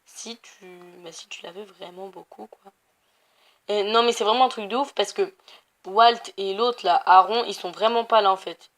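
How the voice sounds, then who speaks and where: A woman's voice: mid-range voice, moderate pace, a bit bright. A young woman of Portuguese family background chatting casually while playing a video game, rambling with many fillers and self-corrections. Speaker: gaming youtuber. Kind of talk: casual gameplay commentary.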